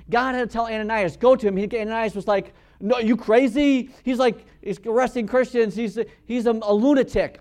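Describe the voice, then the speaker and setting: A man preaching a sermon as pastor, acting out quotes and swinging between quiet storytelling and loud bursts, often repeating words as he restarts. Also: high voice.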